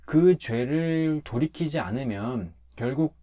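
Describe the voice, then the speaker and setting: A man, a pastor, talking through a Bible passage in a relaxed conversational way, emphatic as he explains step by step. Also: mid-range voice, slow pace, lo-fi sound.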